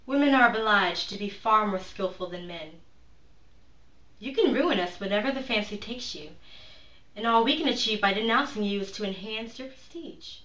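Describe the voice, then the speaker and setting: A woman playing a proud, cunning, defiant aristocrat in a theatrical monologue, speaking deliberately and emphatically, with dramatic pauses and hushed drops. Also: mid-range voice. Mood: bitter, defiant. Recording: roomy echo, distant microphone.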